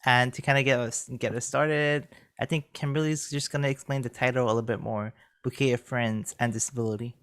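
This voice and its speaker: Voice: mid-range voice, fairly even intonation, fairly quick, hardly any pauses. A podcast host opening a loose, conversational episode, hesitant and full of "like" and "I guess.". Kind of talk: casual podcast chat.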